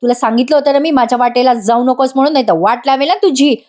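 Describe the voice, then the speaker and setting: A woman's voice: high-pitched, quick pace, darkish tone, lightly acted. A woman voicing a possessive young bride who threatens her rival, in a retold serial scene. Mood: combative.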